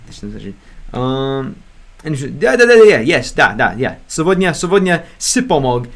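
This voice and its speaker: With big pitch swings and a moderate pace, this mid-range male voice belongs to a young American on a casual livestream. He stumbles hesitantly through beginner Russian, restarting often, correcting himself and using lots of fillers.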